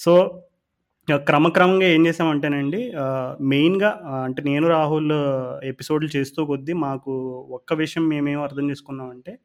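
A man with a slightly high voice and a Telugu accent talks casually on a podcast. He freely mixes English words into Telugu sentences. His explanations wind along with hesitant pauses. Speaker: cricket podcast co-host.

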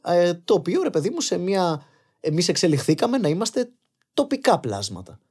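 A young man in casual podcast conversation, arguing his points with animated energy and slipping in English phrases. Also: high voice, slightly rough. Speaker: podcast guest.

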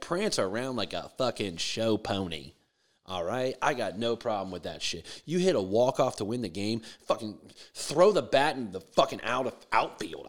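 A man ranting about baseball in a heated, profane, swaggering way, swearing freely. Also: mid-range voice. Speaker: sports commentator. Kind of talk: profane sports rant.

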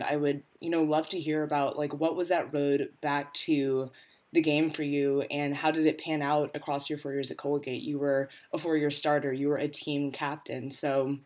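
An interview host with a steady, flat delivery and little pitch movement. The host sums up the guest's answers and leads into long, affirming questions.

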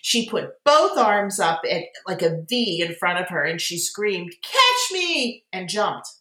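An older grandmother co-hosting a casual book chat, telling stories with expressive enthusiasm. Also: lowish voice, a little slow. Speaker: co-host of a book discussion. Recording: echoey room.

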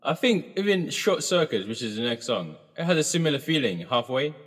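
A man's voice: mid-range voice, big pitch swings, brisk, fairly bright tone, long reverb tail. A man co-hosting a casual album review chat, laid-back, humming and singing bits of songs. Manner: laid-back, hums and sings song lines. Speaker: podcast co-host.

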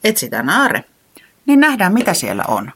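A storyteller voicing a calm, sensible fox in a children's storybook, speaking in a matter-of-fact way. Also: mid-range voice, husky, voice pushed up, heavily acted. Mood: decisive.

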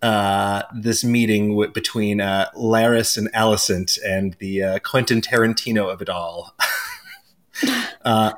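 A man's voice: on the low side, steady tone, measured pace. Filler-heavy male podcast host. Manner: hesitant, filler-heavy, hands off questions. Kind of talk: casual chat.

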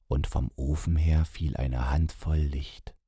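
A man reading a story aloud, slow and solemn. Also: very deep voice, fairly even intonation, mellow, slightly rough, dry recording, studio quality. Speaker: audiobook reader. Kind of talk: scripted narration.

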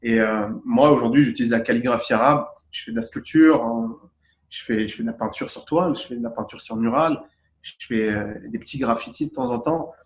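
A man's voice: medium pitch, fairly quick, a little hiss or hum. A man from Tunisia answering interview questions as a guest artist, thoughtful and searching for his words. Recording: roomy echo.

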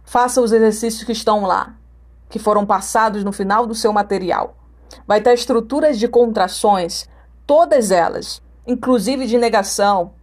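A woman's voice: medium pitch, moderate pace, a little mellow. A Brazilian woman teaching English, repeating example phrases to model their intonation. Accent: Brazilian Portuguese. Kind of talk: recorded language lesson.

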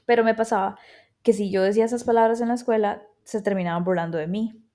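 A woman's voice: mid-range voice, steady tone, mellow. A woman, telling her life story in a candid, reflective way on her own show. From Argentina, raised in Costa Rica. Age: 30s. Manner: reflective, candid, with pauses and restarts. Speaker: podcast host. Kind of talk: personal storytelling monologue.

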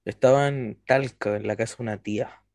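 A young adult Chilean man co-hosting a casual podcast, relaxed and slangy, telling childhood stories. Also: mid-range voice, a little fast, dry recording, clean studio sound. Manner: relaxed, laughs often, slangy. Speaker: podcast co-host. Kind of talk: casual chat.

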